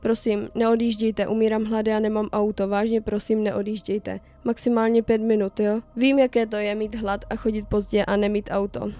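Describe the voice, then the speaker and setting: A woman voicing a flustered young woman in a story, rushing through pleading apologies. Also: mid-range voice, flat delivery, warm tone, lightly acted.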